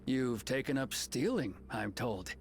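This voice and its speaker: A man's voice: mid-range voice, lively intonation, a little slow, creaky, a little hiss or hum. A man voicing a smug Western lawman villain for a game, with a taunting, theatrical delivery.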